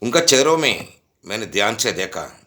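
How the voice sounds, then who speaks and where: Lively, bright-voiced man telling a story. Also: fairly low pitch, moderate pace. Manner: animated, acts out quoted dialogue; addresses young listeners directly. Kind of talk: storytelling devotional talk.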